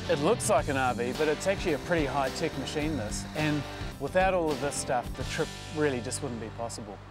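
A man's voice: fairly high pitch, expressive, a little fast. A man giving casual, wry scripted voice-over narration for a road-trip show. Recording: music bed underneath.

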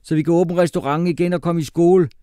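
A man's voice: on the high side, steady tone, clean tone, dry recording, clean studio sound, voice pushed up, natural voice. A man doing a brash, cocky schoolboy. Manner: cocky, slangy, shouting.

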